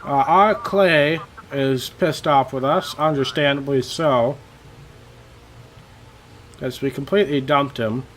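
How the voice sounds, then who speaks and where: A young man giving casual, rambling commentary over his racing game, a little hoarse and self-deprecating, with many fillers. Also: mid-range voice, slow pace, long pauses, fairly bright tone, a little hiss or hum. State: slightly losing his voice. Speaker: gaming channel host.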